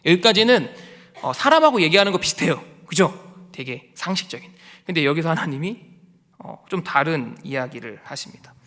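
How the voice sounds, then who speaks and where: A male pastor preaches in an easy, conversational way, his voice high and bright. Long reverb trails each phrase, as in a church sanctuary. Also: fairly quick. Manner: conversational, animated, acts out quotes. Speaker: associate pastor. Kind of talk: sermon.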